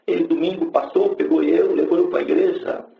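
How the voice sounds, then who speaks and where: A man's voice: a little high, steady tone, brisk, creaky, faint music behind. A middle-aged man gives a testimony sermon in a church, telling his story in a colloquial, plain-spoken way. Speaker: preacher giving his testimony. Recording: echoey, dull lo-fi recording.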